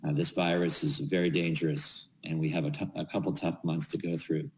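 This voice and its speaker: A man giving informal ceremonial remarks as an official, halting and repeating words as he goes. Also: rumbling low, little pitch movement, a little mellow, low-quality recording. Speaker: official speaking at swearing-in ceremony.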